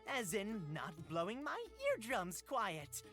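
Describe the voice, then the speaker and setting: A woman's voice: medium pitch, very animated, slow pace, a bit bright, soft background music. A woman voicing a cheeky male bard who mocks his friends in playful, theatrical, mock-archaic phrasing, read aloud from a visual novel. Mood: teasing. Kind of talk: voice acting while reading a visual novel on stream.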